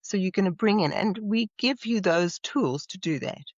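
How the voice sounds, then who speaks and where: A woman's voice: medium pitch, lively intonation, normal speed, no echo. A woman with a South African accent, a leadership trainer explaining her methods earnestly in an interview. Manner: earnest, explanatory, now and then laughing. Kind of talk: interview conversation. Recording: slightly muffled, dry audio.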